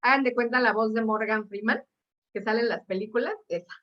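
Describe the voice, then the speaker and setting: A woman giving a storytelling talk, lively and laughing, with frequent fillers. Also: on the high side, brisk, highs cut off. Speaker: speaker.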